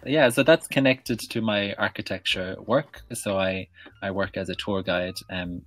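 A man in his thirties with an Irish accent, chatting casually in an interview, laughing often and filling pauses with ums. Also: lowish voice, steady tone, a bit bright, no echo. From west of Ireland. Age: 30s. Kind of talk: casual conversation.

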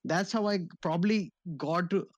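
A man's voice: sits high, normal speed, dry recording, muffled recording. A man co-hosting a podcast in casual, slangy chat with joking and swearing. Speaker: podcast co-host.

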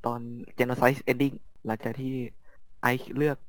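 A man's voice: medium pitch, level tone, slow pace, no echo. A man chatting casually as a guest fan, blunt and jokey, with casual swearing. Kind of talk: casual chat.

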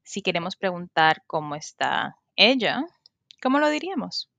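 A woman, teaching an English lesson on a podcast in a slow, careful way and modeling the words for learners. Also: lowish voice, very animated, gravelly, sharp tone, dry recording. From Colombia. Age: 20s.

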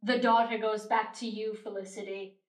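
A woman's voice: mid-range voice, steady tone, moderate pace. Woman game master in an echoey room. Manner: vivid, descriptive narration. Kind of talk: narrating a tabletop game. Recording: roomy echo.

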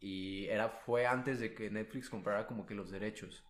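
A man's voice: on the low side, fairly even intonation, moderate pace. A man with a Mexican accent co-hosting a podcast in casual chat, slangy and profane, rambling with lots of fillers. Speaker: podcast co-host. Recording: roomy echo.

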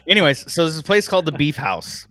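Rambling, animated man co-hosting a chat. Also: fairly high pitch, quick pace, no room sound. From Illinois. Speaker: podcast co-host. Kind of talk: casual chat.

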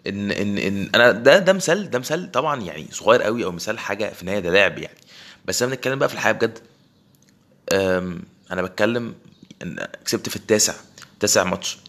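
A man's voice: mid-range voice, a bit bright. A young man with an Egyptian accent giving a casual reflective monologue, mixing in English phrases and often restarting his words. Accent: Egyptian Arabic. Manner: rapid, mixes English phrases, frequent restarts.

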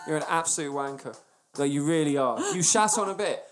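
A man's voice: fairly high pitch, expressive, fairly quick, crowd noise. A man with a British accent in casual comic banter as a podcast co-host, sweary and mock-indignant.

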